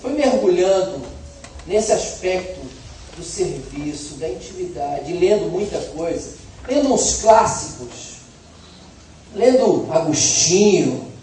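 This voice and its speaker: A man's voice: high voice, expressive, slow, mellow. A middle-aged man from Brazil preaching a sermon, with humorous, conversational storytelling. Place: church hall. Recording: echoey hall from far off, faint noise.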